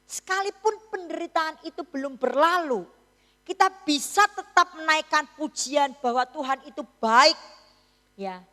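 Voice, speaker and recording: A woman's voice: high voice, pushed and bright, long reverb tail. A woman preaching a sermon in a church, telling a story in a chatty, teasing way with frequent tag questions.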